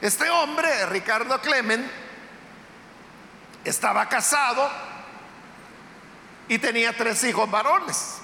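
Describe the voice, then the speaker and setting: A man with a very high, sharp, bright voice preaches a sermon in a church, retelling a story in a conversational, unhurried way. The sound is roomy, with long reverb from the hall and a faint hum of ambience behind him. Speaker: pastor. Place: church sanctuary.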